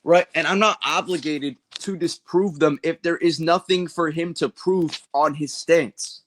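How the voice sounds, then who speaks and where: A man's voice: fairly high pitch, unhurried, fairly bright tone. A man from California with a standard American accent, streaming casual commentary in a blunt, slangy way. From California, United States. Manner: blunt, slangy, heavy swearing. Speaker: livestreamer answering viewer questions.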